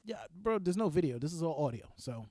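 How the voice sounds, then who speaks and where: A man co-hosting a casual podcast chat, an animated storyteller who swears freely and gets loud when excited. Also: a little high, fast talker. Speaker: podcast co-host.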